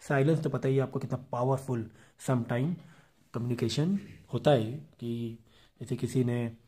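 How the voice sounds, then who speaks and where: A man's voice: mid-range voice, steady tone, mellow, husky. A man teaching a business communication class, explaining patiently and often checking in with the students. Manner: reads English textbook passages slowly. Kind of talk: classroom lecture.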